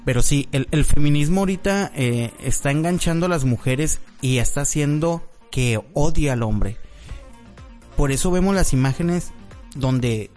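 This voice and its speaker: A man's voice: on the high side, measured pace, darkish tone. Chatty man hosting a discussion. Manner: chatty, laughs often, many fillers. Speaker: host. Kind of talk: casual discussion. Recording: faint music behind.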